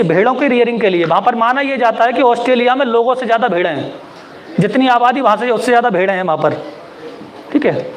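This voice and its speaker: A male teacher giving a geography lecture, asking his class repeated questions and joking about how names get mispronounced. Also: extremely high pitch.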